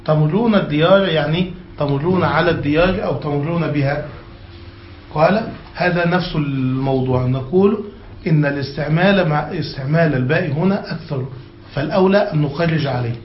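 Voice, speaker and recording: A man's voice: a little high, fairly quick. Man teaching grammar, echoey lo-fi recording. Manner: keeps checking that students follow; reads passages aloud, then explains them. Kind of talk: classroom lesson explaining a grammar text. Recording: echoey, dull lo-fi room recording with faint hiss.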